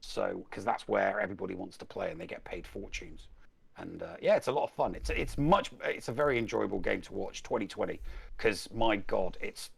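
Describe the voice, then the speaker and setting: Gravelly low-voiced man. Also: animated, brisk, no echo. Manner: rambling, repeats words while searching for them. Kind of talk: casual chat.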